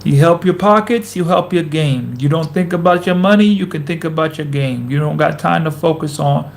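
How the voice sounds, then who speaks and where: A former pro basketball player in his thirties hosts a casual motivational vlog into a camera mic. His voice is a little high with vocal fry and a moderate pace, and he talks emphatically, full of slang and repetition.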